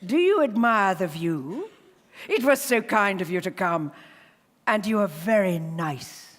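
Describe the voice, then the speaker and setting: A woman playing a pompous walrus with false sympathy and a grand, theatrical, drawn-out delivery in a dramatic poetry reading. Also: mid-range voice, animated. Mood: falsely genial. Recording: reverberant theatre hall.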